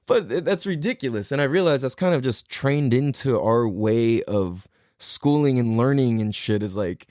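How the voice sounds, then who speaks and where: A man's voice: mid-range voice, expressive, moderate pace, darkish tone, dry recording, clean studio sound. Profane, rambling American podcast man. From United States. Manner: profane, rambling, laughs often. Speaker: podcast host. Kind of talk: casual storytelling monologue.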